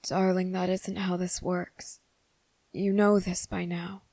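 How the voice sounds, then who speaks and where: A woman voices a brooding, possessively loving male vampire for an intimate ASMR character roleplay, her scripted delivery gentle and sorrowful. Her fairly low, flat voice is unhurried and halting as she tenderly coaxes the listener. The recording is close and very dry, with no room sound.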